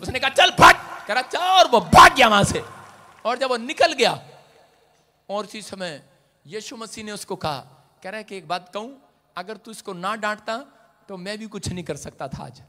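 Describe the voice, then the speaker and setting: Preacher guy, high voice, bright and sharp, goes quiet then yells out. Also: normal speed, long pauses, long reverb tail. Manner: animated, swings from hushed storytelling to loud shouted exclamations. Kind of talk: Hindi sermon with storytelling.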